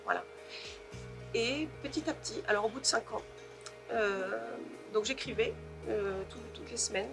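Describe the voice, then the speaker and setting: A woman novelist answering interview questions in a thoughtful way, pausing often to search for her words. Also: on the high side, music in the background.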